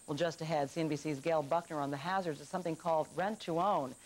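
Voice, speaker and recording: A woman's voice: low voice, fairly even intonation, fast, a little hiss or hum. A woman anchoring television news, reading scripted items and putting questions to a guest.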